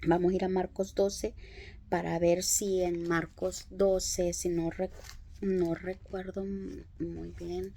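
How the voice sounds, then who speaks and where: A woman telling her conversion story as a church testimony, in an unhurried, reflective way with frequent hesitations. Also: fairly low pitch, little pitch movement, dark tone, slightly rough. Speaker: preacher giving testimony. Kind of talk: personal testimony in a church talk.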